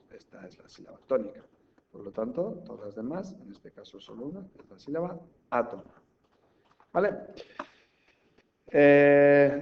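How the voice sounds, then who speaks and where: A man teaching a language lesson. He breaks words into syllables slowly and keeps checking in with the class. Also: medium pitch. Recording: slightly dull recording with faint background hiss.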